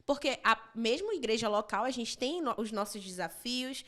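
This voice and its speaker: A woman's voice: on the high side, expressive, normal speed, a bit bright. A woman hosting a church podcast, reflecting at length on what her guest has shared. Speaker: podcast host. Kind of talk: podcast conversation.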